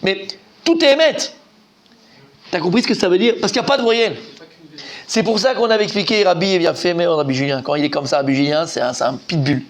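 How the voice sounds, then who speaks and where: A man giving an informal, animated Talmud class, quizzing his students and repeating key points. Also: a little high, fast talker. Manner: lively, animated, asks students questions, repeats himself. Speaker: rabbi teaching Talmud.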